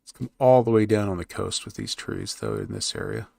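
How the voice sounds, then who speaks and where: Low gravelly man musing over his map. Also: huge pitch swings, fairly quick, a little mellow, no echo, studio quality. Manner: thinks aloud, muttering while he works, then perks up to talk to chat. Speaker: streamer drawing a fantasy map with chat. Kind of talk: casual live-stream chat while working.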